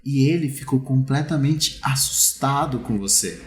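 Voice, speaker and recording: A man's voice: mid-range voice, unhurried, reverberant, faint music behind. A man with a Brazilian Portuguese accent, a youth sports coach, telling stories in a casual podcast chat and acting out the dialogue. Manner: animated, acts out dialogue in his stories.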